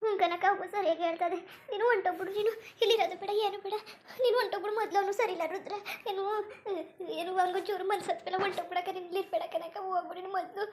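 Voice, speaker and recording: A woman's voice: very high-pitched, steady tone, very fast, darkish tone, a little hiss or hum. Woman voicing an insistent village youngster. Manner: insistent urging. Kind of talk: cartoon voice acting.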